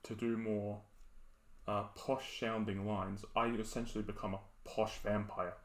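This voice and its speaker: A man's voice: on the low side, little pitch movement, a little slow, a little hiss or hum. Rambling Australian man, roomy echo. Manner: rambling, laughs often. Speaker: podcast co-host. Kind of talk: casual chat.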